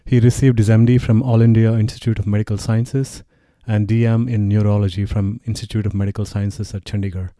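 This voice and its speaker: A man's voice: fairly low pitch, little pitch movement, fairly quick, mellow, no room sound, clean studio sound. A man hosting a podcast, asking friendly, curious questions and laughing along. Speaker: podcast host. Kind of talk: casual interview chat.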